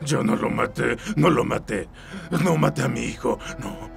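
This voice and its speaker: An actor dubbing a grief-stricken, unhinged father in a TV drama, pleading in a gravelly voice and repeating denials. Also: fairly high pitch, expressive, measured pace, music in the background. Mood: desperate. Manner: repeats denials, slides into a sobbing lullaby. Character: grief-stricken father, unhinged, denying his son's killing. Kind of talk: dubbed TV drama.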